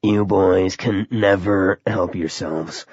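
A cold, inhuman creature drags out each word in a slow, buzzing drone, as a male audiobook narrator puts it on. The voice sits low and husky, and the recording is a little dull and dry. Its tone is meditative and lecturing, never hurried. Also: steady tone, darkish tone, dry recording, exaggerated voice. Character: menacing buzzing male creature in yellow coat.

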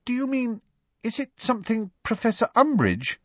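A man voicing a timid, concerned schoolgirl in an audiobook, speaking in a hushed, deferential way. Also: very high voice, sing-song, normal speed, no room sound, dull audio, voice pushed up, full character voice. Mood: hesitant.

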